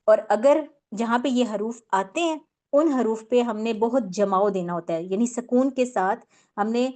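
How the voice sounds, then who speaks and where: Woman teaching quran recitation, slightly high voice, slow patient explaining w lots of ums. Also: darkish tone. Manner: patient step-by-step explaining, many fillers, English words mixed in. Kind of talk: tajweed lesson.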